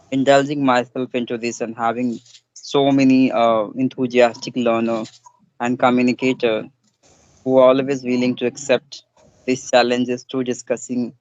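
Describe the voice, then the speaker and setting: A schoolteacher from Bihar, India, whose first language is Hindi, speaks in a mid-range voice during casual conversation practice. His delivery is careful and halting, with non-standard grammar. The line sounds dull and dry, with no room sound.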